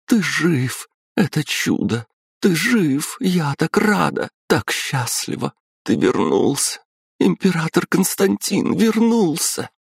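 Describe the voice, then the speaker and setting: A man's voice: high-pitched, little pitch movement, slow, hardly any pauses, darkish tone, breathy edge, no room sound, clean studio sound, pitched above the performer's own voice, exaggerated voice. A man voicing a middle-aged empress who shrieks and pleads in a frantic, near-hysterical way. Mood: ecstatic. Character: enraged, desperate empress, middle-aged woman.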